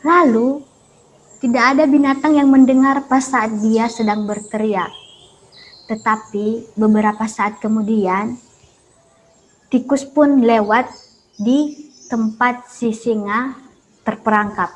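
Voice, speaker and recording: High-voiced woman teacher telling a story. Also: takes it slowly, long pauses. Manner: lively, addressing pupils directly. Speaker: primary school teacher. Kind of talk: storytelling lesson for children.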